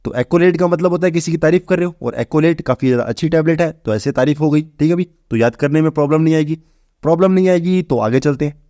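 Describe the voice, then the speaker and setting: Fast-talking young male vocab teacher. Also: on the high side, dark tone, no room sound. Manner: brisk, repetitive, asks and answers his own questions. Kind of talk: exam-prep vocabulary lesson.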